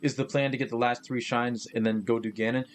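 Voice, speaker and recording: A man speaks in a mid-range, level voice at a fairly quick clip, with faint music in the background. It's casual live gaming chat, rambling and unfocused, with lots of fillers and restarts as he loses his thread.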